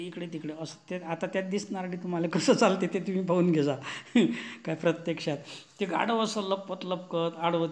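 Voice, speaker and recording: Preacher, male, fairly high voice, storytelling sermon, acts out every character with rhetorical asides. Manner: animated storyteller acting out dialogue, frequent "hm?" asides. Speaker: kirtan preacher. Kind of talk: Marathi devotional storytelling sermon.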